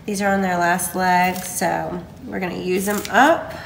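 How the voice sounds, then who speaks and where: A woman's voice: on the low side, little pitch movement, measured pace, gravelly, roomy sound, slight background noise, rough recording. A woman hosting a casual home cooking video, walking through each step and gushing over the food.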